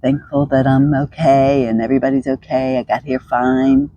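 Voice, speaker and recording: Outdoors in the sun, a woman leads a stretching session, chatty and upbeat, thinking aloud through each move and laughing often. Her very deep voice is steady, dark and at normal speed, though the audio is dull.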